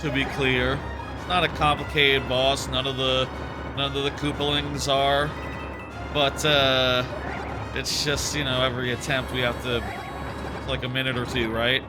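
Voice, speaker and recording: A man with a mid-range voice gives flat, slightly slow commentary while streaming a game, rambling and using lots of fillers. He sounds a bit sniffly with a sore throat, and game music plays behind him.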